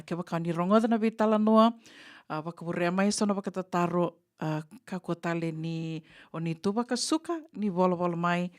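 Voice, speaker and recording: A woman with a Fijian accent hosting a community radio interview, measured and full of filler sounds. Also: fairly low pitch, dry recording, clean studio sound. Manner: measured, many filler sounds, switches between two languages. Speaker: radio show host.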